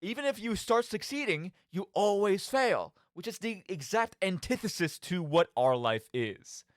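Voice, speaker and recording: A podcast host with a slightly high voice delivers a radio-style monologue on video games, his intonation very animated and swooping. He's theatrical, speaks straight to the listener and fires off rhetorical questions at a measured pace. The recording is close and dry.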